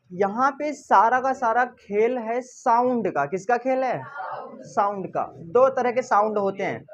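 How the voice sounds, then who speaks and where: Playful and chiding, a male teacher runs a grammar lesson full of rhetorical questions and repeated key words. His voice is very high, heard on a dull lo-fi recording with a little hiss or hum.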